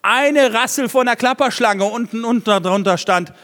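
A man preaching a sermon in an animated way, swinging from loud emphasis to hushed, slowed lines. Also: very high voice. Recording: hall reverb.

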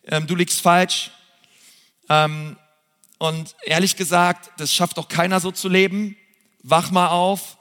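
A man's voice: high-pitched, flat delivery, slow pace, pauses often. A man preaching a sermon as pastor, earnest and talking straight to his listeners with frequent fillers. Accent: German. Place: large church hall. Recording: church hall with long reverb and soft music.

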